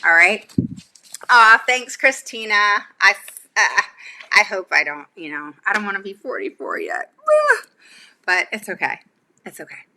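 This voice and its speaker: This forties-aged woman speaks at medium pitch with huge swings, a measured pace, frequent pauses and a sharp tone. Hosting an informal livestream from a small indoor room at home, the special education advocate offers advice emphatically, chatting and checking in with "okay?" and "all right?"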